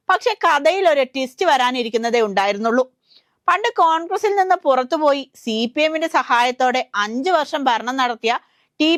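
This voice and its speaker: A woman's voice: high-pitched, fairly bright tone, no echo, studio quality. A woman with a Malayali accent reading a scripted news voice-over in a wry, satirical storytelling way. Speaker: news narrator.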